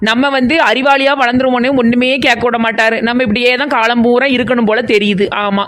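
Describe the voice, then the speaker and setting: A woman's voice: on the high side, steady tone, brisk, a bit bright, lightly acted. A woman voicing a chatty, nosy village woman in a cartoon comedy, with a southern Tamil Nadu accent. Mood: chattering. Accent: southern Tamil Nadu (Kanyakumari–Tirunelveli). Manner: rambling, teasing, talks nonstop.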